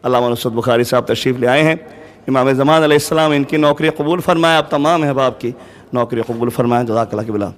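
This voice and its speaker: A man reciting devotional poetry in a long, drawn-out chant at a live mourning gathering, repeating refrains between spoken announcements. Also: mid-range voice. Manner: stretches sung verses long, repeating refrains.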